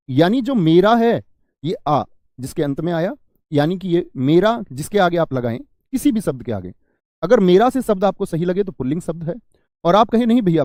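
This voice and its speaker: A man's voice: fairly high pitch, darkish tone, no room sound, studio quality. A man teaching an exam-prep grammar lesson, who asks his students questions, answers them himself and repeats key phrases.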